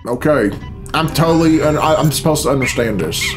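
Animated and a little fast, a high-voiced man in his thirties hosts a reaction video, tossing out casual, profane, sardonic remarks. He records in a small indoor bedroom while video game cutscene music plays.

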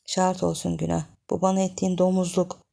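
A woman voicing a rough, jealous young village man who talks in a gruff, demanding way. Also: lowish voice, level tone, a little fast, dark tone.

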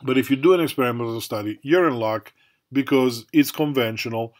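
Man, middle-aged, college lecture, casual delivery, lots of "right?" and "okay?", ordinary pitch. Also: fairly quick. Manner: conversational, many fillers and tag questions. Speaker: university professor. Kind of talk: recorded lecture.

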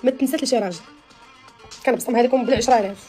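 Faint music sits behind a woman in her thirties whose fairly high voice races along very fast as she chats animatedly with her followers. A social media personality with a Moroccan Arabic accent, she's live streaming from a small room with her phone at arm's length, emphatic and gesturing a lot.

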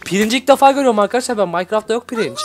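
A young man giving excitable, shouty gameplay commentary as a video host. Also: high voice, rapid-fire, a little hiss or hum. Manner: excitable, shouty, constantly reacting. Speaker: gaming YouTuber host. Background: background music.

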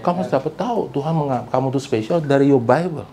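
A fast-talking male pastor delivers an animated, emphatic sermon at a church service, his pitch leaping high and dropping low for emphasis. He moves freely between Indonesian and English phrases and keeps prompting the congregation to respond, while faint ambient noise hums behind him.

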